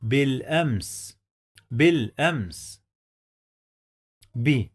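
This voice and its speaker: Male teacher, Egyptian accent, dictating very slowly at a medium pitch, repeating each word and syllable deliberately. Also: expressive, breathy edge. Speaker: literacy teacher. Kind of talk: slow dictation lesson, sounding out words by syllable.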